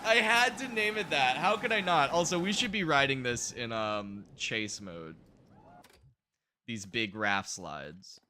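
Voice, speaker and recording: A man doing casual, excitable gameplay commentary, joking and swearing freely as he tours his theme park. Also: medium pitch, unhurried. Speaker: streamer showing a theme park build.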